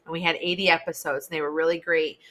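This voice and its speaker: A woman's voice: deep voice, level tone, fast talker, a bit bright. A woman talking as a guest on a live stream from her home office, rambling with lots of fillers and restarts. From United States. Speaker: guest, social media consultant. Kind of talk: casual live-stream chat. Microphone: USB desk microphone.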